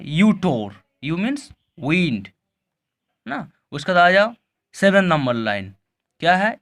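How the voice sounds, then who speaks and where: A man teaching a poetry lesson with an Indian English accent, his voice sitting a little higher than most men's. He talks very slowly and patiently, spelling words out letter by letter and often asking his students whether they have understood. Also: a bit bright. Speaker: school teacher. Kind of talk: recorded online lesson explaining a poem.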